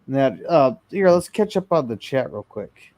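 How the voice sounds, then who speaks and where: A man's voice: mid-range voice, big pitch swings, moderate pace, mellow, no echo. A man co-hosting a live-streamed classic TV review show, chatting casually with frequent restarts and fillers.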